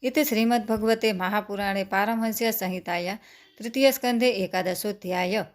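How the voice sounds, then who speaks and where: A woman narrating a devotional scripture text in a steady recitation, slowing down for long lists of names. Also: mid-range voice. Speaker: scripture reader.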